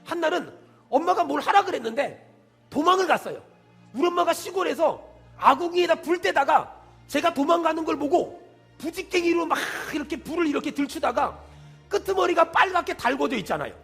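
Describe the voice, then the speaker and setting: A man preaching from a church pulpit, his voice strikingly high and swinging widely in pitch as he builds his refrains. There is a gravelly edge under the sound. He drops into homey storytelling aimed straight at the congregation. Faint music sits behind him. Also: animated, fairly quick, fairly bright tone. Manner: impassioned preaching with repeated refrains; folksy storytelling, addresses congregation directly. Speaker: pastor. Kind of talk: sermon. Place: church sanctuary.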